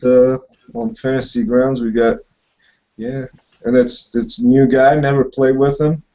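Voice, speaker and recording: A man with a French accent runs a live tabletop session as game master, speaking slowly and loosely. He laughs easily and leans on "uh" between thoughts. The sound is dull and lo-fi, like voice chat. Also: medium pitch. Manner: relaxed, laughs often, hesitant fillers.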